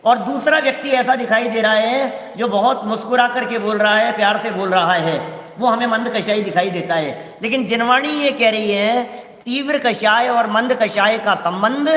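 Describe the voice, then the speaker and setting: High, bright-voiced male preacher in an echoey hall. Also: moderate pace. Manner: questioning and emphatic, keeps asking the listeners. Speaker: preacher explaining Jain scripture. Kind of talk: scripture discourse. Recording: echoey hall with long reverb.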